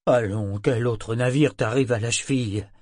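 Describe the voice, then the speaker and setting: A man doing a gruff, husky sailor. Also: lowish voice, measured pace, dry recording, clean studio sound. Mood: bluff. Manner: coaxing, then bluff and forceful. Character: burly male sailor, gruff and falsely cheerful. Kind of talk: audiobook character reading.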